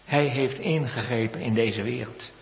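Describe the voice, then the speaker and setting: A man preaching a sermon in a church, slow and measured with solemn repetitions. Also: mid-range voice, creaky. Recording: echoey church hall, lo-fi sound.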